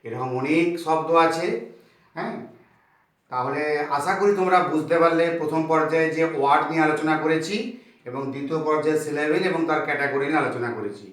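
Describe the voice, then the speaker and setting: A male teacher giving a beginner grammar lesson, sounding out words slowly and counting syllables. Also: a little high, a bit bright. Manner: slow, clear syllable counting. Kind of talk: tutorial lesson. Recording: very echoey room, mic far off.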